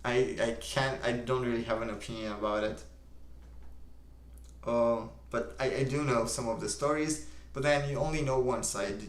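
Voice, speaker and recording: A young man from Romania with a Romanian accent, calmly reading viewer comments aloud and answering them on a live stream. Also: medium pitch, moderate pace, reverberant. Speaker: livestream host. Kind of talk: casual live-stream chat.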